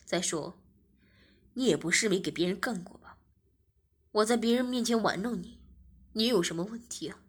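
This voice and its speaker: A cold, domineering master, voiced by a woman reading an audio story gives orders in a low, husky voice. The delivery is clipped and commanding, flat with scorn. It sits noticeably below the storyteller's own speaking pitch. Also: normal speed, long pauses.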